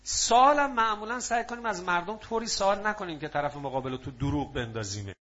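Male preacher, fairly high and bright voice, lively call-and-response delivery, dull lo-fi sound. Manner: lively, prompts audience to answer. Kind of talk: religious talk to a live audience.

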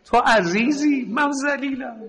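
A man preaching an emotional religious sermon, slipping into slow, tearful chanted prayers. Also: very high voice, a bit bright, low-quality recording. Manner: chants prayer lines slowly with tearful swells.

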